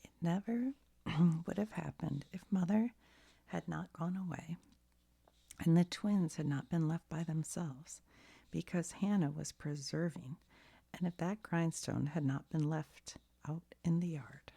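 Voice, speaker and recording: A woman softly reading a bedtime story in ASMR style, with a deep, hushed, breathy half-whisper and a gentle storybook manner. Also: unhurried, no room sound.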